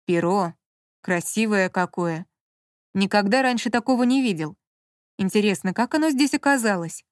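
A woman's voice: medium pitch, lively intonation, moderate pace, no room sound, studio quality, close to an everyday voice. A woman reading an audiobook and voicing a curt, impatient man who scolds and teases his partner. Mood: curious. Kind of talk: audiobook character voice.

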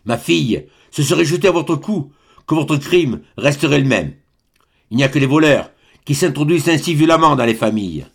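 A man's voice: on the high side, lively intonation, moderate pace, creaky, voice pushed up. A man doing an outraged old baron. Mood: indignant. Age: older. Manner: thundering, indignant, imperious. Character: stern proud old male baron, outraged aristocrat.

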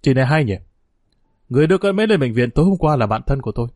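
A matter-of-fact doctor , read by a man, talks fast and to the point. The voice is plain and everyday, and the recording is dry. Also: mid-range voice, animated, darkish tone, dry recording, lightly acted. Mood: brisk. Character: calm middle-aged hospital doctor, man.

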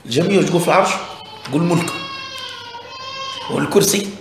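A man's voice: a little high, fast, background noise. A man, a religious teacher explaining a text step by step and often checking that listeners follow. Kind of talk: explanatory lesson commentary on a text. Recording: very echoey room.

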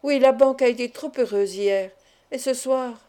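A man's voice: extremely high pitch, moderate pace, dark tone, smooth. A woman reading as a desperate ruined banker. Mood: anxious. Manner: tense, despairing. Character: anxious ruined male banker, middle-aged.

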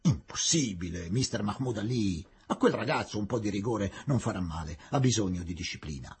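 Husky guy reading as old careful landowner, low voice, begging for calm. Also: a little fast. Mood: imploring. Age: older. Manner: low, restrained, imploring. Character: old cautious wealthy landowner, pleading for calm.

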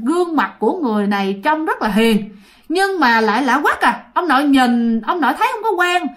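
A woman's voice: high voice, a bit bright. A woman narrating a ghost story in a chatty way, often addressing her listeners directly.

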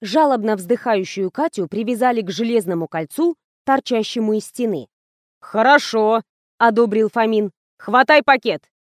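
A woman narrating a comic story in the first person, with lively, ironic storytelling. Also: on the high side, no room sound, studio quality. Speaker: audiobook narrator.

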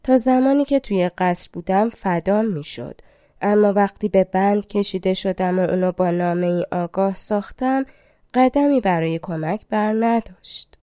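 Fairy-tale king, proud, quick-tempered, woman reading him, mellow tone, dry sound. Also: mid-range voice, no echo, lightly acted. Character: proud middle-aged male king, quick to anger.

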